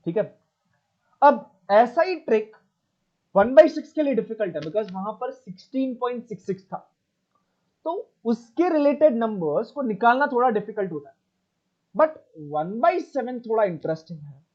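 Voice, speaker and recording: A man's voice: very high-pitched, very animated, normal speed. Man teaching math over a dull call. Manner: mixes Hindi and English, checks in with students often. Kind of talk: online class lesson.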